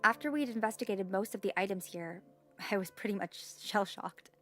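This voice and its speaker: A woman's voice: medium pitch, fairly quick, soft background music. A woman streamer reading the text of a story game aloud, stumbling over unfamiliar words with light asides.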